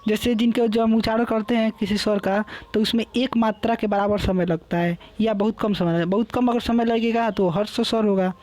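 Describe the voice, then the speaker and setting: A man's voice: sits high, steady tone, fairly quick, few pauses, a little mellow. A young man teaching a lecture, explaining patiently, repeating terms and drawing out vowel sounds as examples. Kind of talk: classroom lecture.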